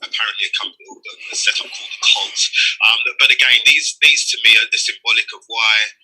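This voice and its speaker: A man giving interview answers, earnest and animated, repeating words as he searches for them. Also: mid-range voice, fairly quick, breathy edge, low-quality recording. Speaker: party leader interviewed.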